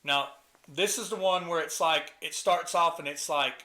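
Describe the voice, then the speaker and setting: A man's voice: a little high, normal speed, heavy background noise. A middle-aged man hosting a casual album review chat, talking enthusiastically and humming riffs and sounds to illustrate the music.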